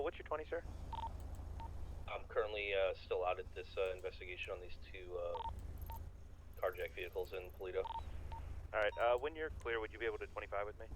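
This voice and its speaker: A deep-voiced man comes through a police radio, trading clipped call codes like an officer in a roleplay game. He sounds brisk and procedural, with the odd hesitant filler. Heavy noise sits underneath the transmission. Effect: over a police radio.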